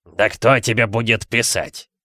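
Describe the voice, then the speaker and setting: A man reading an audiobook, voicing a blustering, bullying middle-aged uncle with a gruff, contemptuous manner, in a dry recording. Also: medium pitch, moderate pace, a bit bright, no room sound, lightly acted. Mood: angry shouting.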